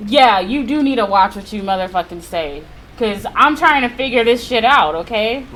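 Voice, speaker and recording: A woman's voice: on the high side, animated, normal speed, fairly bright tone, a little hiss or hum, low-quality recording. A young adult woman streaming a visual novel, reacting with blunt, profane, slangy exclamations and reading the text aloud.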